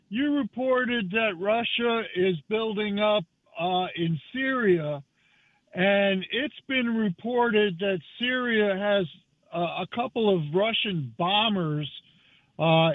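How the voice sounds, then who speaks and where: A high-pitched man comes through a tinny, narrow phone line. He talks slowly and halts often, filling his pauses with "uh" as he puts a question to the host. The sound is dry and close, with no room around it. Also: no room sound. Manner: halting, with many fillers. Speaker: caller. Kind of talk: call-in question to a radio host.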